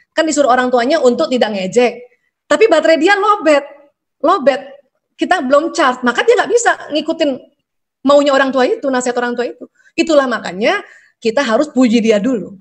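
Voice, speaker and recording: A middle-aged woman giving a parenting seminar, asking rhetorical questions and acting out short lines of parents and children. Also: sits high. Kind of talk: lecture to an audience.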